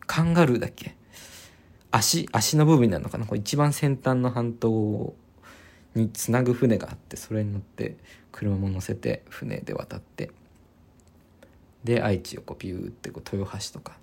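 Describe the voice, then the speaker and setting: Male solo podcast host, low raspy voice, easygoing meandering talk. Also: moderate pace. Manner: relaxed, rambling, many fillers and restarts.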